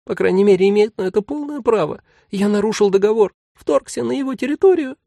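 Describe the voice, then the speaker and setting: A timid little demon cloud. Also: male voice, sits high, expressive, fast, vocal fry, dark tone, no echo, clean studio sound, pitched above the performer's own voice. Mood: anxious. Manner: plaintive, fawning, fearful.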